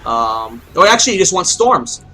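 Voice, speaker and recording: Solo esports caster, young man, high bright voice, rambling play-by-play. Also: sing-song, moderate pace, rough recording. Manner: rambling, thinks aloud with restarts. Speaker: game caster.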